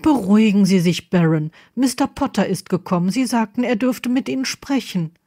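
A woman's voice: medium pitch, expressive, moderate pace, dark tone. A woman voicing a stern but kind older headmistress who speaks formally and urgently.

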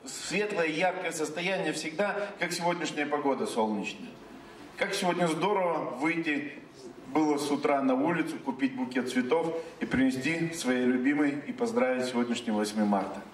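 A man with a fairly high voice gives a formal greeting from a stage in halting phrases. He sounds far from the mic in an echoey hall. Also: a little hiss or hum. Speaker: head of town district giving greeting. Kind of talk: congratulatory public speech. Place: large theatre stage, indoors. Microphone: handheld stage mic, heard from a far camera.

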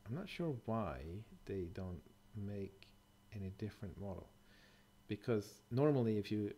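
This bushcraft presenter is a middle-aged man whose fairly low voice sounds mellow and husky. He talks through a relaxed, explanatory voice-over, pausing to think, using filler words and correcting himself now and then.

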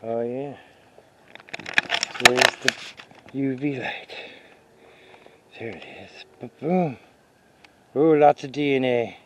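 A man's voice: medium pitch, slow pace, pauses often. A man filming and chatting casually while exploring old railroad tracks outdoors at night, laid-back and joking. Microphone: handheld camera. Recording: outdoor noise on camera mic.

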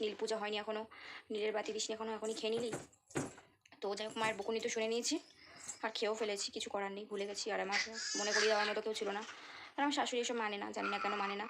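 Heavy background noise surrounds this young woman's mid-range voice as she vlogs casually around her home kitchen and courtyard. She has a Bengali accent and comes across as tired and feeling unwell.

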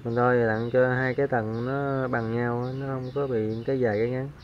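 A man talks through a fishing tutorial in a relaxed way, counting aloud as he works, his voice staying flat and even. The sound is dull and lo-fi, picked up on a camera mic worn on his body while he works at a table. Roosters and birds crow faintly in the background. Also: medium pitch, a little fast, slight background noise. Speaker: fishing channel host. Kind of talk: casual hands-on tutorial.

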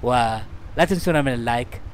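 Fast-talking man narrating a game. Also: mid-range voice. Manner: chatty and excitable, talking to the game and its items. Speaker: gaming channel host. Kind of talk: let's-play commentary.

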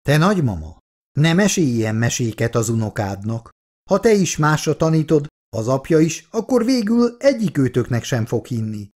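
A stern, sensible grandfather lays down the law in a firm, dry voice, as a man reads him. The audiobook delivery moves lively up and down. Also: fairly high pitch.

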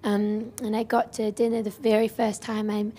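A young actress being interviewed at a press event, speaking in a soft, earnest way. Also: female voice, medium pitch, little pitch movement, moderate pace, a little hiss or hum.

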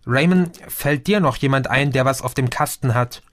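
A man's voice: medium pitch, normal speed, a bit bright, no room sound, studio quality, close to an everyday voice. A man voicing a mocking young friend who keeps disbelieving what he hears. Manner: mocking, incredulous.

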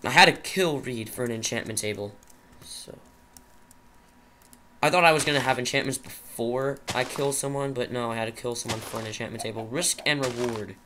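A man's voice: medium pitch, normal speed, pushed and bright, slight background noise. A nervous young man rambling to himself while commentating a survival game he is playing. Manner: jittery, rambling, talks to himself. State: nervous, shaky. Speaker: gaming channel host. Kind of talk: Minecraft commentary.

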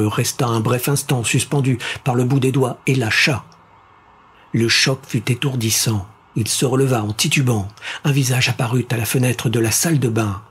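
A man reading a science-fiction thriller aloud in a steady, suspenseful narration. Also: mid-range voice, slightly rough. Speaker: audiobook narrator. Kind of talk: scripted narration.

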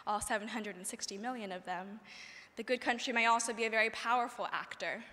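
A young woman giving a prepared conference speech from a podium in a large hall, measured and earnest. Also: a little high, bright, forceful tone. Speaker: conference speaker. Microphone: podium microphone. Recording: long hall reverb.

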